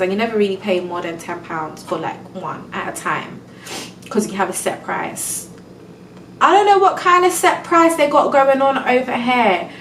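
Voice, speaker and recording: A woman's voice: medium pitch, roomy sound, far from the mic, slight background noise, low-quality recording. A young woman venting in a casual storytime vlog, exasperated and close to tears, full of "like" and "do you know what I mean". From England. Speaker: vlogger.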